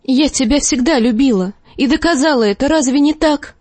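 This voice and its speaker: A woman's voice: sits high, fairly quick, a little mellow, no room sound, voice pushed up, natural voice. A woman voicing a jealous, hysterical noblewoman who screeches and pleads through tears. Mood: shrill hysterical.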